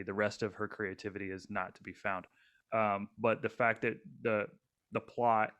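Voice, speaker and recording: Smooth-voiced man rambling on a podcast. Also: on the low side, fairly bright tone. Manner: rambling with many fillers and restarts. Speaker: podcast co-host. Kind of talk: casual podcast chat.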